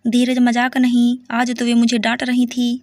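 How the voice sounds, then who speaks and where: A woman's voice: a little high, completely flat delivery, normal speed, a little mellow, dry recording, clean studio sound, close to an everyday voice. A woman voicing a young daughter-in-law who is hurt and put-upon, speaking plaintively.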